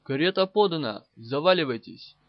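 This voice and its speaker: A man reading an audiobook and voicing a crazed, frantic male soldier who drives a tank, yelling his lines. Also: on the high side, lively intonation, moderate pace, no echo, dull audio. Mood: cheerful.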